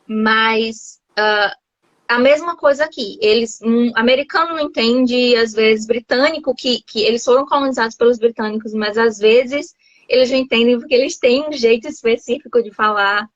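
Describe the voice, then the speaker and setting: A woman's voice: on the high side, normal speed, no room sound, lo-fi sound. A woman from Brazil chatting casually over a video call, laughing often and restarting her sentences. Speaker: host, English teacher living abroad.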